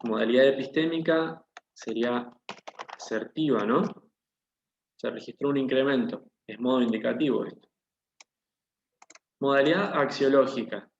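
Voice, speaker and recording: A man's voice: medium pitch, normal speed, gravelly, pauses often, a little hiss or hum. A man teaching an online class, patiently explaining and putting questions to his students. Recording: dull, echoey room audio.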